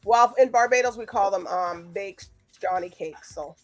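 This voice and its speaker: A woman's voice: medium pitch, normal speed, soft background music. A woman hosting a casual chat show in a chatty, rambling, easily amused manner. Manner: chatty, rambling, laughs often. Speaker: show host.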